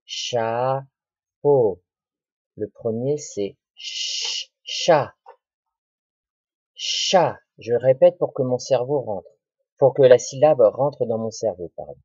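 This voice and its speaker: A male teacher talks young children through a lesson, slow and deliberate, repeating words and syllables. His voice is mellow and a little husky. The recording is dull, lo-fi and dry. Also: mid-range voice, lively intonation, no room sound.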